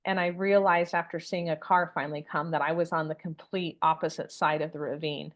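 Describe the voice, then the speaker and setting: A woman's voice: low-pitched, fairly even intonation, fairly quick. A woman interview guest telling her own story earnestly and vividly, quoting her own thoughts along the way. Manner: earnest, vivid retelling with quoted inner thoughts.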